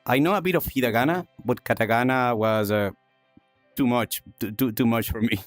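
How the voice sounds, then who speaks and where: Fairly quick and mid-range, the voice belongs to a man from South America running a livestream, recorded with no room sound and gentle music in the background. Between coughs from a congested chest, he cheerfully repeats phrases and offers warm thanks to his viewers. He's a streamer and talk show host.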